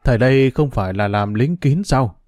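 A humble, anxious older boatman , as a male reader puts him on, deferential and quick to cry out in worry. The voice is warm and mellow and sits close and dry. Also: mid-range voice, no room sound, lightly acted. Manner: deferential, fretful exclamations.

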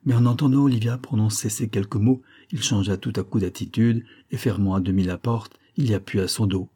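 A man reading a classic novel aloud in a measured, dramatic narration. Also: fairly low pitch, fairly even intonation, mellow, husky. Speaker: audiobook reader.

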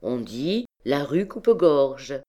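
A woman's voice: very deep voice, very animated, takes it slowly, mellow, full character voice. A woman voicing a cocky young male student who talks in a teasing, haughty way.

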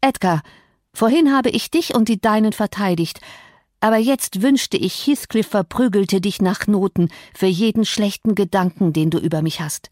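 A woman's voice: mid-range voice, normal speed, a little mellow, no echo, studio quality, natural voice. A woman voicing a proud, volatile young woman who speaks in a cutting, imperious way in an audiobook. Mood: scornful. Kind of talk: audiobook character reading.

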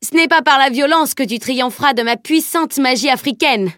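A woman reading a cheeky, boastful teenage boy in an audiobook, with lively, playful delivery. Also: fairly high pitch, moderate pace, no room sound, clean studio sound, voice pushed up.

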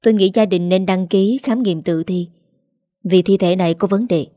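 A calm young woman doctor, read by a woman. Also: mid-range voice, no echo, studio quality, natural voice. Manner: calm and measured.

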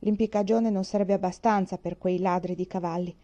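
Brief: a firm, earnest frontier father in a muffled audiobook, read by a woman with a mellow voice. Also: high voice, steady tone, brisk, close to an everyday voice. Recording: muffled lo-fi recording.

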